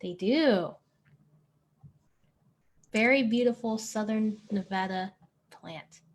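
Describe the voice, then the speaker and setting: A woman with a medium-pitched voice speaks slowly as she hosts a family-friendly online bingo event. She's chatty and encouraging, drawing out each word she announces.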